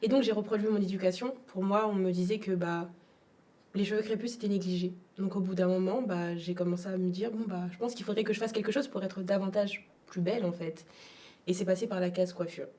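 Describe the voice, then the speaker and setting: An interview guest from Togo, a young adult woman, recounts her personal story in a reflective manner full of hesitations and repeated words. Her mellow voice is medium-pitched with fairly even intonation and a fairly quick pace, recorded from a distance.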